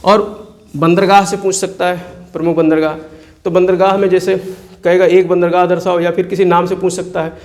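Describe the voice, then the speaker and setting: A male tutor with a high, slightly mellow voice speaks in a level tone, a little fast, as he covers map work for an exam. He answers the questions he asks and drills each place name through repetition.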